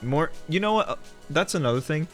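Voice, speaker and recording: Faint music runs under this livestream, where a young man talks loosely with his audience and reads chat out loud. He rambles, cusses freely and laughs often, his fairly high voice expressive, quick and a touch bright.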